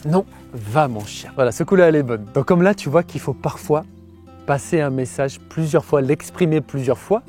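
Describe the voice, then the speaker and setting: A man's voice: on the high side, moderate pace, a little mellow, faint music behind. Man coaching while playing with his dog. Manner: chatty and laughing, explains steadily. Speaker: self-help coach. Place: outdoors with a dog.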